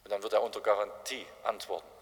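A man's voice: fairly low pitch, flat delivery, quick pace. Emphatic preacher man in reverberant hall. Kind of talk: evangelistic sermon. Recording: long reverb of a large hall.

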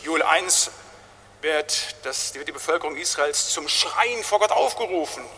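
A man preaching a sermon with great emphasis, moving between loud cries and hushed words and tagging phrases with "halt, nicht?". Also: on the high side, expressive, a little slow, long reverb tail, a little hiss or hum.

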